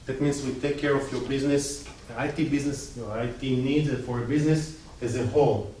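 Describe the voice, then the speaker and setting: In a coworking space event room, a man with an Israeli accent and a dark, steady, mid-range voice talks briskly and informally to a small audience, cracking jokes and chatty asides. The mic is distant, the room echoes, and there's slight background noise.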